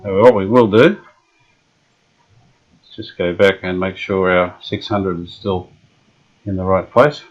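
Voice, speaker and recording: A deep-voiced man from Australia restores an old radio, speaking a little slowly with long pauses as he thinks through each step. His hands-on narration is relaxed and full of fillers, recorded in dull lo-fi workshop audio.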